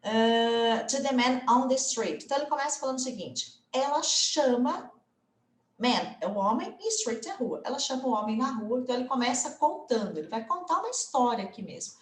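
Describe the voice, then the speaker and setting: A woman's voice: on the high side, expressive. Chatty Brazilian woman teaching, echoey room. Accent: Brazilian Portuguese. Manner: chatty, frequent tag questions like "né" and "tá"; slows down on example phrases. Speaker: English teacher. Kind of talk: casual video lesson explaining grammar.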